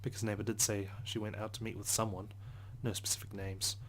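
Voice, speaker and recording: A let's play host reads a visual novel aloud, narrating the story in first person in a low, flat voice at a quick pace. He reads earnestly but stumbles now and then, with some background noise in the clip.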